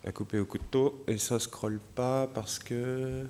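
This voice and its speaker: A man's voice: medium pitch, steady tone, unhurried, dark tone, a little hiss or hum. A man with a French accent giving a conference talk, explaining a live code demo step by step with fillers. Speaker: conference speaker.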